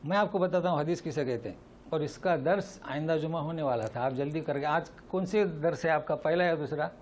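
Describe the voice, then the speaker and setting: A man's voice: on the high side, darkish tone, a little hiss or hum. A male Islamic teacher giving a Quran lesson and answering questions. He talks with emphasis and keeps repeating rhetorical questions to drive his point home.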